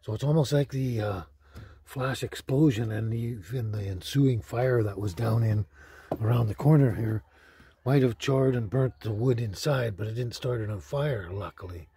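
With a warm, medium-pitched voice and a moderate pace, an older man from Canada hosts an unscripted vlog, talking casually and haltingly to the camera as he rambles. Filming happens at a forest campsite and inside a vehicle canopy, on handheld outdoor audio with clear background noise.

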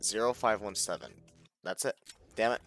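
A man's voice: fairly low pitch, moderate pace, a bit bright, soft background music. A man casually commenting on his gameplay and singing along. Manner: chatty, sings along. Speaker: gameplay host.

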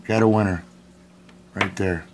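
Slow-paced middle-aged American man, noisy recording. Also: low voice, steady tone. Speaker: vlogger. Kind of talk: casual scratch card commentary to camera. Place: indoors at home, at a tiled table. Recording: clearly noisy home recording. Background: noise and scratching sounds.

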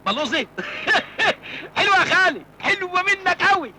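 A man's voice: very high voice, lively intonation, fast, pushed and bright, slight background noise, heavily acted, low-quality recording. An actor playing a cheeky, joking young man from the village who complains and cracks jokes in a comedy film.

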